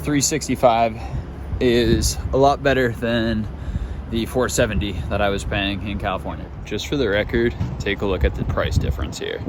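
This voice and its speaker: A man's voice: lowish voice, steady tone, moderate pace, background noise. A man vlogging casually from his car on a road trip, chatty and laid-back, swearing now and then. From Boston. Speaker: sneaker vlogger. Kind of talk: casual vlog narration.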